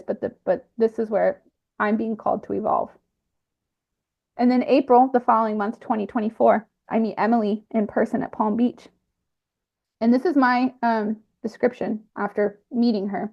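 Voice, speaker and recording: A woman talking through a personal spiritual experience in a reflective monologue, pausing and restarting often. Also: fairly high pitch. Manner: halting, with frequent fillers and restarts. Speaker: speaker sharing a personal spiritual account. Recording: slightly muffled lo-fi recording.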